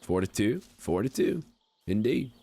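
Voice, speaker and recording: On a game livestream, a man in his forties chats in character with a put-on American Southern accent, playing a folksy, amiable frontier fellow with courtly phrasing. His lowish, mellow voice is sing-song and a little slow, with vocal fry. There's slight background noise, and he's fully in character voice.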